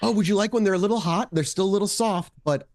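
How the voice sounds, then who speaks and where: A man's voice: sits high, fast talker, darkish tone, no echo, pitched above the performer's own voice. A man voicing a cheerful, pleasant suburban mother in a sweet, welcoming way, for a tabletop game.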